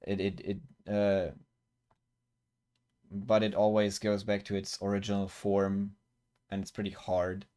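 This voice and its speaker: A man narrating as game master of a tabletop game, describing scenes slowly and searching for words with many fillers and restarts. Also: on the low side, completely flat delivery, dark tone, smooth.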